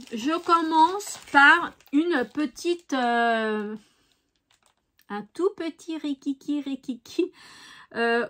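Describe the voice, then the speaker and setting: A high-pitched woman with a regional French accent talks casually to her viewers as a craft vlogger. She is cheerful and enthusiastic, peppering her speech with fillers and repeated "voilà". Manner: chatty, many fillers and "voilà".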